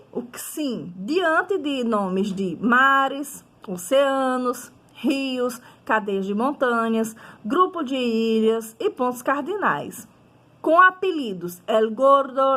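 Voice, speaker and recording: Brazilian woman as a language teacher, high voice, slow and methodical, keeps checking in with her class. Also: animated, a bit bright. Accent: Brazilian Portuguese. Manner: methodical, asks and answers own questions; checks in with listeners often. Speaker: Spanish teacher. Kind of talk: recorded grammar lesson.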